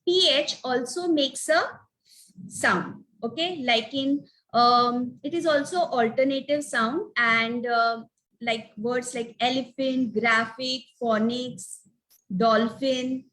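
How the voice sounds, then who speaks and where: A woman leads a phonics webinar in a high, light voice. She moves slowly and deliberately, naming each letter before sounding out the word. Her tone stays patient, and she checks in with a steady "okay" between points. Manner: spells out letters one by one, sounding out words. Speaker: phonics teacher leading a webinar. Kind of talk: slow instructional webinar talk.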